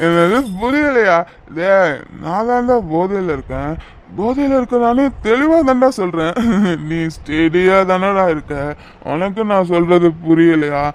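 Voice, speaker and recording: A man's voice: high-pitched, a little slow. Giggly drunk lovesick young man, a man voicing him. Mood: drunk rambling. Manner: slurred, rambling, giggling drunk talk. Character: drunk lovesick young businessman, rambling and maudlin. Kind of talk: cartoon voice acting.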